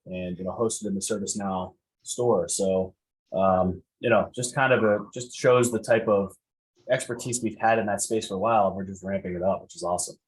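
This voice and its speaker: A man with a fairly low voice co-hosts a casual tech podcast. He talks quickly, eager and conversational, with lots of little asides. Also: rough recording. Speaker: podcast co-host.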